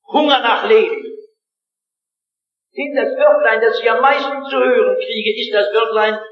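A man's voice: extremely high pitch, steady tone, fairly quick. A man with a Swabian accent preaching a sermon, impassioned and emphatic, speaking straight to his listeners. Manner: addresses listeners directly. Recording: roomy, slightly dull old recording.

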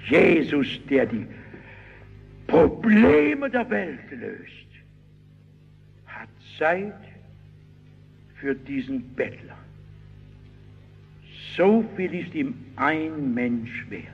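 A man's voice: a little high, extremely slow, creaky, long pauses, breathy edge, faint music behind. A middle-aged male preacher giving a sermon, telling stories vividly and crying out the voices of the people in them. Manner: animated storytelling, shouting out quoted cries. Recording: dull old hall recording with long reverb.

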